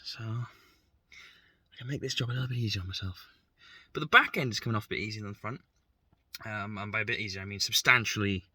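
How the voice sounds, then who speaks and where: A car build vlogger narrates a casual how-to while working on his car in a garage workshop, chatty, rambling and self-deprecating. His voice is lowish and bright with a forceful tone, and there's no echo.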